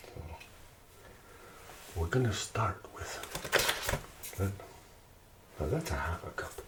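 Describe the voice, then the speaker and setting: In his home kitchen, a Québécois man hosts an ASMR-style cooking video in a low-pitched, expressive voice. He chats at a relaxed pace, muttering to himself and asking viewers questions, picked up by a distant mic amid clear noise and clicking.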